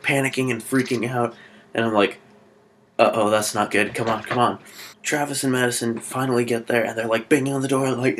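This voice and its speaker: Excitable rambling male vlogger. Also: fairly low pitch. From Alaska. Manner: rambling and excitable, with many fillers and restarts. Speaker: YouTuber reviewing a TV episode. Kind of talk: casual spoken review vlog.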